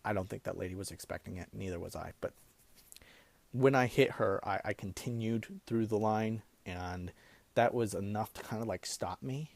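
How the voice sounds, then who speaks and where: A young man telling a comic personal story in an animated way, now and then breaking into laughter. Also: on the low side, moderate pace, creaky, no echo.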